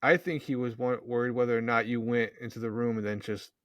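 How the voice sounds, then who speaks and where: A man's voice: mid-range voice, steady tone, quick pace, no room sound, lo-fi sound. A man interviewing a guest, reflecting on her story and offering his own reading of it. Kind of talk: conversational interview.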